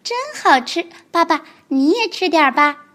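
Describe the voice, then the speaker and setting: A woman voicing a sweet, trusting baby ankylosaur in a squeaky, eager childlike voice. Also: lively intonation, normal speed, a bit bright.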